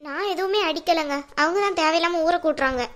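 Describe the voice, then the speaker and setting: A woman's voice: very high voice, brisk, a bit bright. A woman voicing a bold, blunt young daughter-in-law in a cartoon, arguing back defiantly. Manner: defiant, argumentative. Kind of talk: cartoon dubbing.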